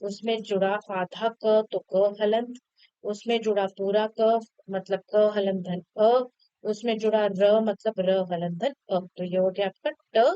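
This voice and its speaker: Patient woman teacher, smooth dry voice. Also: medium pitch, warm tone, no room sound, dull audio. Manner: patient, repetitive, addresses children directly. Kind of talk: worksheet lesson explaining letters step by step.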